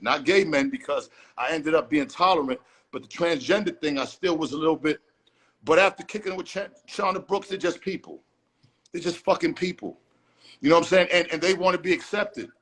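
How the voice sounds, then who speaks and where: A man speaks as a guest in a loose live video interview. His voice is somewhat husky and sits a touch high for a man. He talks with blunt, profane emphasis, circling back over the same words as he pushes his point. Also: a bit bright. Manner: emphatic, profane, repeats and restarts phrases.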